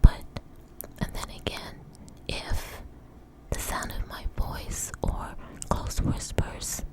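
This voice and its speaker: A woman whispering very close to the mic in an ASMR style, breathy with soft mouth sounds, rambling gently and reassuringly. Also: rough recording. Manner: slow, unstructured, reassuring. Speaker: ASMR video host.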